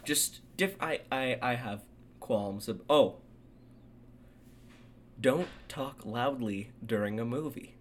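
A young man co-hosting a casual podcast chat, ranting with animated, laughing delivery. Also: mid-range voice, slow pace, long pauses, a little hiss or hum. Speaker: podcast co-host.

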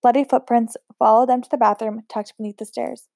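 Woman reading a novel aloud, mellow and dry. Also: fairly high pitch, a little fast, no echo. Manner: steady, unpolished reading with occasional slips and restarts. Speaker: audiobook reader.

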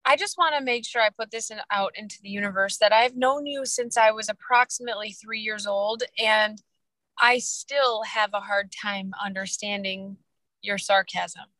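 A woman's voice: medium pitch, fairly even intonation, normal speed, pushed and bright, no echo. A woman in her late twenties, a mother and wife, chatting casually on a podcast in a rambling, reflective way. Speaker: podcast co-host. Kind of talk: casual chat.

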